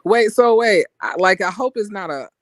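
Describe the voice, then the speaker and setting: A man's voice: high-pitched, lively intonation, moderate pace, fairly bright tone, no echo, clean studio sound. A man in his twenties in a casual gossip chat, asking curious questions with many restarts. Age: 20s. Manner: curious, hesitant, full of restarts.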